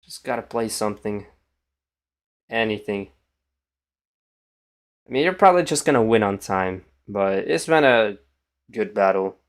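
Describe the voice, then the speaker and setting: A young man streams a chess game on little sleep, still in his morning voice. He sits a little low in pitch and drifts between quiet mumbling and casual chatter to his viewers. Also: lively intonation, measured pace, pauses often. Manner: mumbling, thinking aloud, trailing off. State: tired, morning voice. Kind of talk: casual live-stream commentary.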